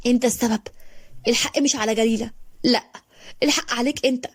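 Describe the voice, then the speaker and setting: Grieving young woman, put on by a woman narrator, Egyptian accent, tearful, climbs high when upset, rapid. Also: steady tone, breathy edge, dry recording, clean studio sound. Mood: bitter, grieving. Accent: Egyptian Arabic.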